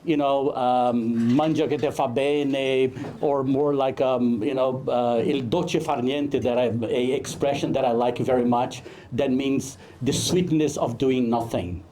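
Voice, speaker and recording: A man from Brazil, a film director giving a humorous, anecdotal talk at a networking event, halting often with fillers. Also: medium pitch, fairly even intonation, mellow.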